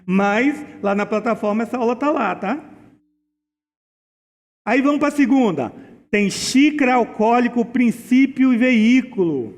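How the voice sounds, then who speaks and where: A Brazilian man teaching as an exam prep tutor, slowing down to spell out words and rules and using diminutives. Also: very high voice, lively intonation, big-room sound. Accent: Brazilian Portuguese. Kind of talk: recorded exam-solution lesson.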